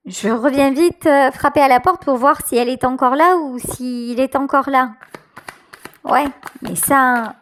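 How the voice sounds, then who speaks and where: Her voice sitting high, a woman offers the listener an unscripted tarot reading, pausing haltingly and circling back to repeat phrases.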